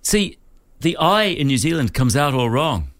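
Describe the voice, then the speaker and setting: An Irish radio host in casual on-air banter, full of quick jokes and asides. His voice is mid-pitched but swings widely as he reacts. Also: very animated, a bit bright.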